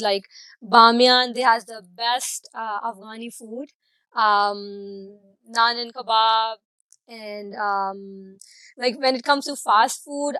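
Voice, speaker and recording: A woman's voice: a little high, fairly bright tone, smooth, no echo, low-quality recording. A woman from Karachi, Pakistan, in her thirties, answering casual interview questions as a guest, with many "like" and "um" fillers. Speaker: guest, food blogger.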